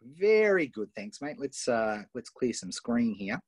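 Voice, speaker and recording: An Australian man hosting a live online coaching session, enthusiastic and firing off quick questions over a video call. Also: medium pitch, sing-song, slightly rough, no echo. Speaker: host and coach.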